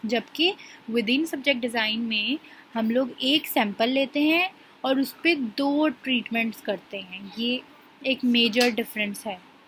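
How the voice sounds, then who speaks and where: A young woman walks through an assignment solution, explaining quickly and reading English definitions out slowly. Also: sits high, fairly bright tone, slight background noise, low-quality recording. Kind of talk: casual tutorial walkthrough.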